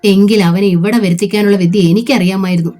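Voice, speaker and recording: A woman's voice: medium pitch, steady tone, fast, mellow, faint music behind, lightly acted. Woman reading as a fierce protective elder sister. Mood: scolding.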